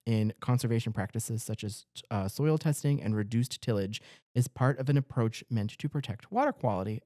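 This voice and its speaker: A man's voice: medium pitch, mellow, no room sound, studio quality. A young man reporting farm news in a casual, jokey rundown, stumbling over place names now and then.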